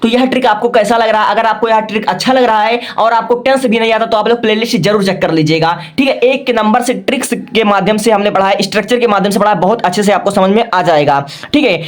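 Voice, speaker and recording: A man's voice: sits high, fast talker, few pauses. A male teacher giving a patient, step-by-step lesson, often checking in with "okay" and spelling words out letter by letter. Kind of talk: classroom-style lesson.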